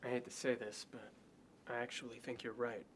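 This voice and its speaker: A crime-scene doctor from a noir detective film played by a man, mid-pitched and in his thirties. He is fussy and precise, yet hedges as he speaks. Faint noise runs under the dialogue. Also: flat delivery, brisk, natural voice. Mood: hesitant.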